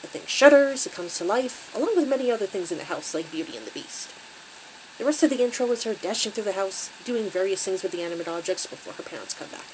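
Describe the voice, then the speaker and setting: A woman's voice: mid-range voice, lively intonation, fast, a little mellow, a little hiss or hum, poor audio. A woman hosting her channel, recapping a creepy story with wry, conversational asides. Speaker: channel host and story reader.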